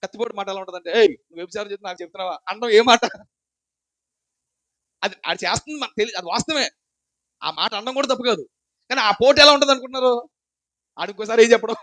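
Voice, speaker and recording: A man's voice: extremely high pitch, a bit bright, no echo, low-quality recording. A man preaching a sermon, asking rhetorical questions and repeating his points. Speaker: pastor.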